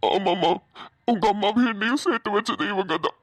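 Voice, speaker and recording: A woman's voice: mid-range voice, a little fast, no echo, lightly acted. Woman voicing an emotional old grandfather. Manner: emotional, pleading. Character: elderly grandfather, emotional and remorseful. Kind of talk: Tamil cartoon voice acting.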